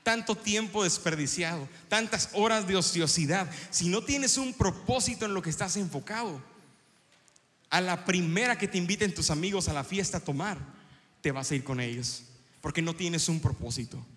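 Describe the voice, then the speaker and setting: A middle-aged pastor with a Mexican Spanish accent delivers a lively sermon, telling stories and calling out questions to engage his congregation. His high voice sounds bright and forceful at a moderate pace, trailed by a long reverb like a large hall.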